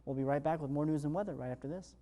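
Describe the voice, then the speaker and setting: A male TV meteorologist presents a live morning weather forecast in upbeat, ad-libbed broadcast patter at a brisk clip. His voice is on the high side, smooth-edged and mellow with no sharpness.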